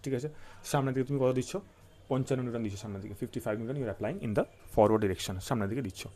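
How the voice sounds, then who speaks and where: A man's voice: medium pitch, racing, dark tone. A man with a Bengali accent teaching physics. He mixes Bengali and English, asks questions and answers them himself, and keeps checking in with listeners. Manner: repeats key points and checks in with listeners. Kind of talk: classroom-style lecture.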